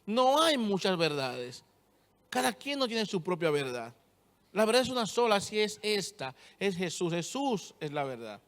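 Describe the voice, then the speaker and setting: A man's voice: sits high, sing-song, normal speed, a bit bright. Young man preaching in a reverberant hall. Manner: retells scripture, then drives points home with firm repetition. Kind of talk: sermon. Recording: long church-hall reverb.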